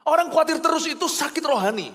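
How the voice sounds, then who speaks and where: A man preaching a sermon as a pastor, animated and swinging between loud emphasis and quiet asides. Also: extremely high pitch, quick pace, in a large hall.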